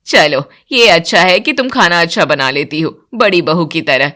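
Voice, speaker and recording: Bossy cartoon mother-in-law, lowered commanding voice, put on by a woman narrator. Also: animated, moderate pace, bright, forceful tone. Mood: stern. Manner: commanding, lays down house rules. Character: stern strict older mother-in-law.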